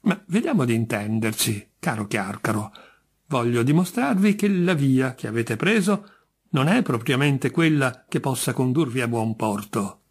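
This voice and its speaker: A man reading aloud and voicing a patient, bemused middle-aged judge who gently coaxes. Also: medium pitch, animated, normal speed, breathy edge. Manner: patient, mildly coaxing.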